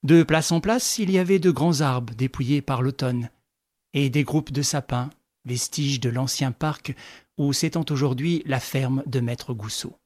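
A man narrating an audiobook in a measured, even storytelling manner. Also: mid-range voice, no echo. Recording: dry close recording with faint music.

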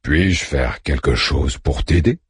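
A man voicing a big, calm male robot in an audiobook, speaking slowly, low and measured. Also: breathy edge, dry recording, clean studio sound, heavily acted. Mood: calm, wry.

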